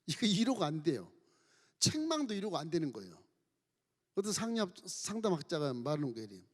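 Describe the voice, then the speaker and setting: A man's voice: fairly high pitch, slightly rough, in a large hall. A man preaching a sermon as a pastor, telling stories and acting out the quoted voices of the people in them. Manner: storytelling with lively acted quotes. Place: church sanctuary.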